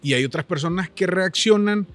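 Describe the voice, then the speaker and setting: A man's voice: sits high, moderate pace, fairly bright tone. A man with a Honduran accent, speaking earnestly and reflectively as a podcast guest. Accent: Honduran Spanish. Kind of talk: reflective conversational chat.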